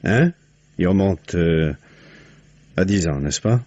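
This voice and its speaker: In a muffled old recording of a 1950s French radio mystery, an actor plays a shrewd, patient police commissioner who questions in a probing, paternal, conversational way with muttered prompts. His low voice is a little mellow, measured in pace and lively in intonation.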